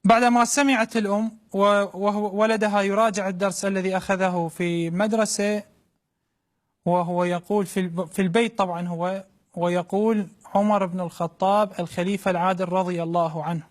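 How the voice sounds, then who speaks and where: A man with a notably high voice recites colloquial dialogue in verse, linking it with narration. He speaks with an Iraqi Arabic accent. His delivery is declamatory, with lines repeated for emphasis. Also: level tone, a little fast. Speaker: religious reciter.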